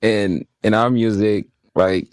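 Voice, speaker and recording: A man's voice: lowish voice, fairly even intonation, slow pace, smooth, no echo, clean studio sound. A teenage boy from Tanzania, interviewed for youth radio, answering tersely. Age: teens.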